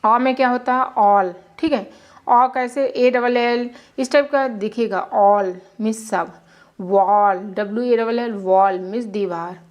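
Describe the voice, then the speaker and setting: A woman's voice: a little high, steady tone, measured pace. A woman teaching a beginner English phonics lesson, patiently spelling each word letter by letter and giving its meaning.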